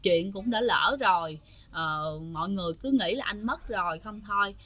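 A woman's voice: medium pitch, normal speed, fairly bright tone, close to an everyday voice. A woman voicing a grieving widow pleading with her dead husband, imploring and tearful.

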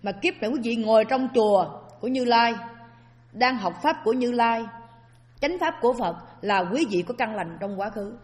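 Woman giving a dharma talk, keeps asking the crowd questions, kinda high voice, big reverby hall. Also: animated, normal speed. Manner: rhetorical questions to the audience. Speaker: Buddhist Dharma teacher. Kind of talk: sermon.

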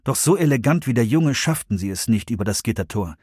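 A man's voice: mid-range voice, lively intonation, fast, a little mellow, breathy edge, no room sound. Man narrating an audiobook, dry sound. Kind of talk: scripted narration.

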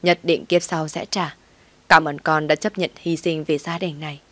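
Woman doing elderly mother-in-law, low, pleading, soft, dry recording. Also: fairly even intonation, moderate pace, no echo, natural voice.

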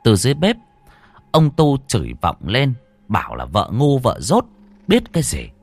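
A man's voice: medium pitch, normal speed, vocal fry, slightly rough, soft background music. A man narrating a horror story, acting out every character. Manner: animated, voices all characters.

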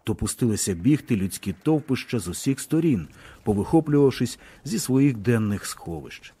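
A man reading a novel aloud as an audiobook, with expressive storytelling. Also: medium pitch, moderate pace, slightly rough. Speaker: audiobook reader. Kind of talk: scripted narration of a novel.

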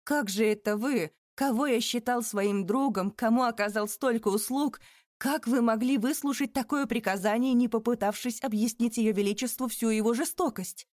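A woman's voice: mid-range voice, moderate pace, dark tone, dry recording, clean studio sound, lightly acted. A woman voicing a terrified older male banker who pleads and exclaims in rising panic. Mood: panicked.

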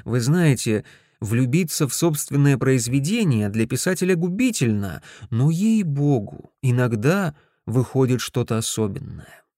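Brief: man narrating a story, very animated pitch, dry close sound, expressive. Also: dry recording. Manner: expressive, bursts into angry shouts in character. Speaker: audiobook reader. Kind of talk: first-person story narration.

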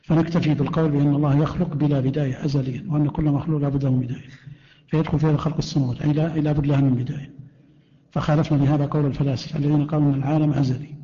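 Fast-talking sheikh in an echoey hall. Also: male voice, fairly high pitch, little pitch movement, mellow, highs cut off. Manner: reads out questions, then answers in short firm statements. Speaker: sheikh teaching a creed class. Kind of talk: lecture answering written questions.

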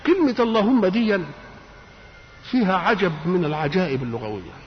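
A man's voice: high voice, very animated, brisk. Egyptian man doing quran commentary, mixes colloquial and classical, gets emphatic, muffled lo-fi old tape. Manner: explains patiently, mixing Egyptian colloquial with classical recitation; voice rises sharply on emphatic points. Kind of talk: religious lecture explaining Quran verses. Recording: dull lo-fi archive tape with faint hiss.

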